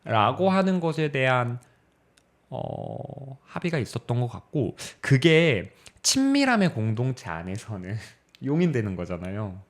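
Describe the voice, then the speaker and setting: A young man co-hosting a talk podcast, reasoning aloud in a measured, reflective way. He pauses often to find words, and his pitch moves a lot as he makes his points. His voice sits in an ordinary middle register. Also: sing-song. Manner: thoughtful, measured, pauses with filler sounds. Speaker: podcast co-host. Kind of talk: casual discussion of literature.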